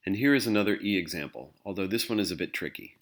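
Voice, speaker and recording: Male language teacher, very low voice, patient scripted explainer. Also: expressive, fast. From English-speaking country. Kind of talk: scripted instructional narration.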